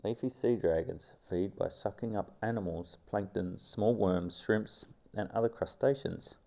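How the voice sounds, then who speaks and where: A man reading nature documentary narration in a gravelly voice, now and then stumbling over a word. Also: lowish voice, unhurried, warm tone. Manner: stumbles over words and scientific names. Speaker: video host.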